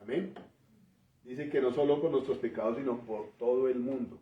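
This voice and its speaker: A man preaching a teaching sermon, explaining word meanings in a measured way and often ending phrases with a questioning tag. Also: medium pitch. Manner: pauses and restarts while working through word meanings. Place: church. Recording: roomy, distant, dull church recording.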